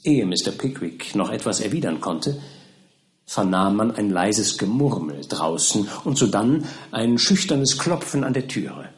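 A man narrating an audiobook in an expressive storytelling manner. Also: lowish voice, measured pace. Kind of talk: scripted narration.

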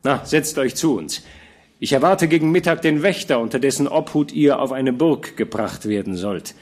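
A man reading a veteran army commander who speaks to a young knight in a warm, fatherly, measured way. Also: medium pitch, expressive, voice pushed up, lightly acted. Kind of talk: audiobook character reading.

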